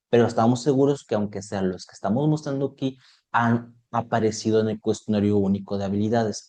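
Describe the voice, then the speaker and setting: A man's voice: lowish voice, dark tone. A man teaching an online exam prep lesson, explaining topics step by step and checking in with his students.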